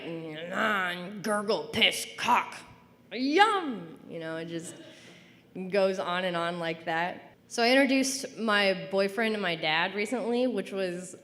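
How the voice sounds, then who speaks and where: Deadpan young woman doing stand-up. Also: fairly low pitch, in a large hall, a little hiss or hum. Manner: dry, deadpan delivery with bursts of mock-cheerful quoting. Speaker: open mic comedian. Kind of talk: stand-up storytelling.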